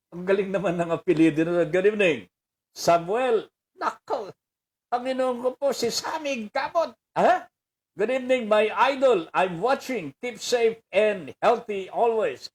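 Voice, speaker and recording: An older man with a Filipino accent, hosting a commentary show, reading viewer greetings aloud in a chatty way and laughing often. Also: high-pitched. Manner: chatty, laughs often, mixes in English phrases. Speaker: radio commentator host reading viewer messages. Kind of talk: casual on-air commentary.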